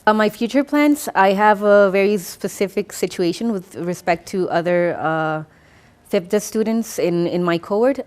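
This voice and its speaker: A young woman from Rica, speaking English in a thoughtful testimonial with frequent fillers and restarts. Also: on the low side. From Costa Rica. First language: Spanish. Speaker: master's graduate. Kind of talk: testimonial interview.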